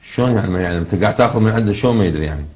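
A man with an Iraqi accent hosting a call-in religious question show, with brisk, clipped acknowledgements. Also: fairly low pitch. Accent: Iraqi Arabic. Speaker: radio call-in host. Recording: dull muffled broadcast sound.

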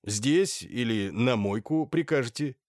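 A man voicing a brisk, commanding middle-aged police colonel. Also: medium pitch, expressive, a little mellow, dry recording, studio quality, lightly acted. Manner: curt, commanding.

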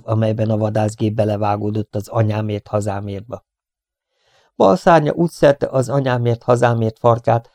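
A man reading a war novel aloud as an audiobook, with dramatic delivery that jumps up sharply in pitch and volume for shouted lines. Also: vocal fry, dry recording, clean studio sound. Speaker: audiobook reader.

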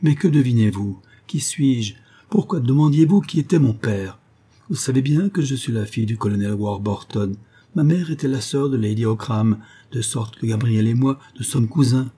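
A man with a husky voice voicing a frightened young woman who pleads, in an audiobook reading of a gothic tale. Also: medium pitch, expressive, moderate pace, mellow. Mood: pleading.

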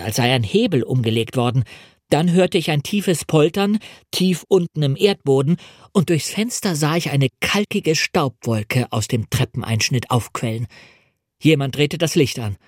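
A man reading a novel aloud as an audiobook in a measured, dramatic first-person storytelling manner, in a studio. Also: fairly high pitch, no room sound. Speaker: audiobook reader. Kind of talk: scripted audiobook narration.

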